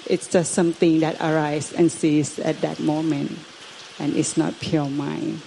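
A woman interpreting a Dharma talk, speaking haltingly and searching for words. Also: low-pitched, little pitch movement, vocal fry, warm tone, slight background noise.

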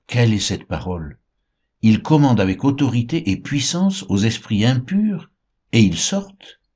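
A man reading scripture aloud in a slow, measured way. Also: deep voice, a little mellow, slightly rough. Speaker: Bible reader. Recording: dull lo-fi recording.

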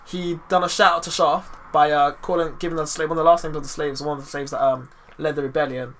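Bright-voiced London roadman, higher-pitched. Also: little pitch movement, fast talker. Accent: London, urban street. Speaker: podcast co-host. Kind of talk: casual film chat, heavy street slang.

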